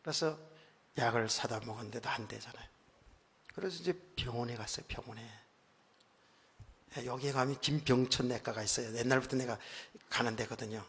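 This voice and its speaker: A male pastor preaching a conversational sermon, telling stories with frequent asides, moving from quiet remarks to loud emphatic bursts. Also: mid-range voice, fairly quick, pauses often, husky. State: recently worn out and hoarse. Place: church sanctuary. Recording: long church hall reverb.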